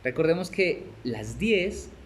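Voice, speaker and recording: Colombian man, young adult, conversational discipleship teacher, somewhat high-pitched, faint background noise. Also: very animated, slow. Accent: Colombian Spanish. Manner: conversational, asks "¿cierto?" and "¿sí?" often, laughs, acts out little scenes. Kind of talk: teaching a Bible class.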